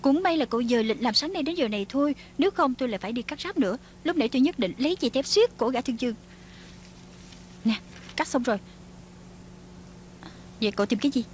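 A woman dubbing a brisk, sharp-tongued female film director in a TV drama. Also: sits high, lively intonation, a little hiss or hum. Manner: quick and bossy. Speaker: dub actor. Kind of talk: Vietnamese dub of a TV drama.

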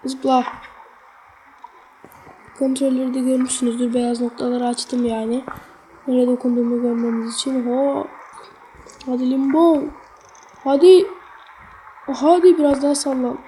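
A woman's voice: moderate pace, pauses often, slight background noise, rough recording. A woman giving casual let's-play commentary on a mobile game, cheering on and cursing at the character with sudden yelps when she fails. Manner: excitable, sudden high yelps when failing.

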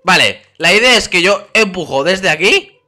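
Bright high-voiced gamer guy. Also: moderate pace. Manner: playful, laughing, excitable. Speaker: gaming YouTuber. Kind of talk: casual co-op gameplay chat.

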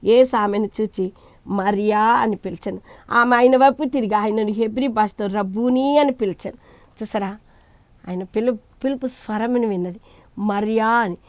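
A woman preaching a sermon, swinging between loud cries and hushed asides as she retells scripture in quoted voices. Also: fairly high pitch, moderate pace, dry recording.

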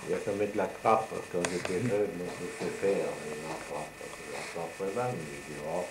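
He has a deep voice and a moderate pace, an old man in his 70s or beyond chatting in rambling, homespun fashion about his past. A camcorder mic across the table in his living room recorded him, so the sound is roomy and noisy, typical of home video.

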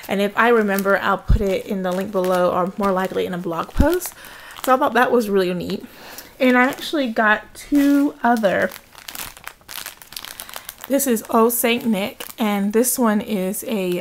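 There's slight background noise as a woman with a medium-pitched voice presents her craft haul at home. Holding the camera herself, the vlogger chats casually and eagerly, showing each item to the lens.

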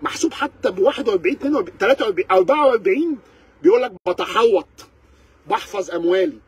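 A man's voice: sits high, animated, very fast, breathy edge. A man with an Egyptian Arabic accent, a car reviewer ranting to camera in a sarcastic, exasperated way, firing rhetorical questions. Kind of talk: animated rant to camera.

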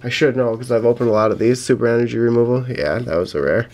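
Here a young YouTube host, slightly raspy as he gets over a cold, rips open trading card packs and narrates quickly and matter-of-factly in a mid-range, darkish voice. He's at a table in a room at home, with a camera mic at about arm's length. Crinkling wrappers and cards, clicks, and faint noise fill the noisy room.

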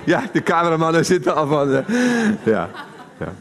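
Crowd noise can be heard as a preacher with a Dutch accent gives a live sermon in a church hall. His voice is on the high side and very animated at a moderate pace, and he speaks conversationally while asking the congregation questions.

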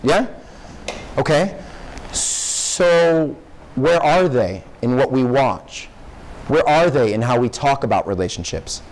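A young man, a professor, giving a conversational classroom lecture to high school students and peppering them with questions. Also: expressive, takes it slowly, rough recording. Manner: conversational, asks the audience lots of questions. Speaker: guest speaker, professor.

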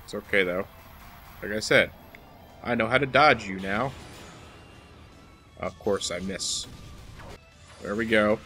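A let's play host speaks to the game's boss in casual, wry, self-deprecating commentary over video game music. His voice is fairly low, pushed and bright, and he talks slowly with frequent pauses.

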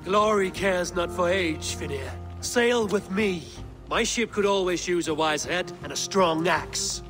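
Resolute Viking clan leader, slightly raised pitch, video game drama, musical score. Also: male voice, unhurried, music in the background. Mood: stirring, firm.

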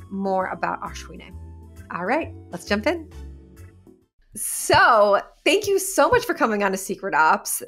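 A woman's voice: medium pitch, a bit bright. A woman in her thirties hosts a casual podcast chat, upbeat and enthusiastic. She speaks close into a studio mic in a small room, with faint music behind her. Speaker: podcast host. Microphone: large studio mic on a boom.

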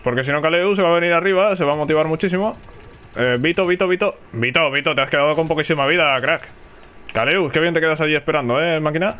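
A gaming streamer with a Spanish accent from Spain talks through his play in a slightly high, fairly bright voice. Chatty by nature, he reacts aloud and calls to his teammates.

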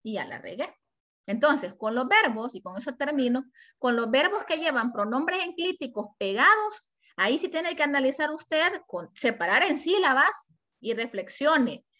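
A woman teaching an online class, animated, asking herself questions and stretching out example words. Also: high voice, moderate pace. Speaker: high school language teacher.

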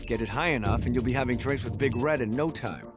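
A man's voice: mid-range voice, fast talker, natural voice. A man casually briefing the player in a video game. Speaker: mission guide. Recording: game audio with loud music.

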